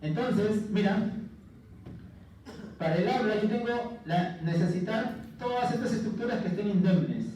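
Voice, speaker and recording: A man teaching a class in a mellow, slightly high voice, animated, checking in with his students and cracking jokes. The sound is muffled and distant, caught from far away. A strong echo fills the classroom, with faint noise underneath. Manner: jokey asides. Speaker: lecturer. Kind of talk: classroom lecture.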